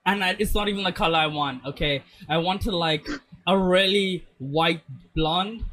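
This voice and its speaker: A man's voice: sits high, moderate pace, sharp tone. A man hosting a casual comedy podcast in a campy, theatrical, self-mocking way, swearing freely. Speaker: podcast host.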